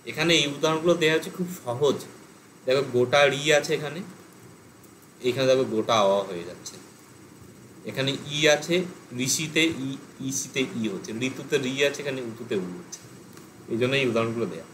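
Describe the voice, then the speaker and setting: A man's voice: mid-range voice, fairly quick, pauses often, a bit bright, a little hiss or hum, poor audio. A man teaching an online language class, explaining step by step, thinking aloud with fillers. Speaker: Pali teacher.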